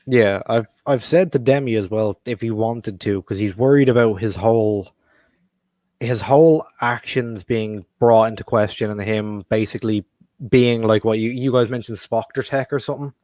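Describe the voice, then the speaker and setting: A man in a casual chat, bluntly and calmly giving his view and advice. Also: on the low side, moderate pace, no room sound, studio quality. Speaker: friend joining the chat.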